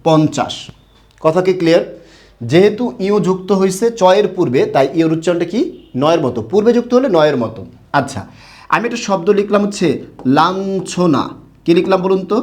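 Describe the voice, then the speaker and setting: A man's voice: high voice, darkish tone. A young man from Bangladesh teaching a grammar lesson, asking the class questions and answering them himself.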